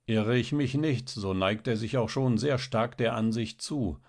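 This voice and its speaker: A man voicing a genial, knowing middle-aged official and father in a read-aloud story, measured and wry. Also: medium pitch, a little mellow, voice pushed up.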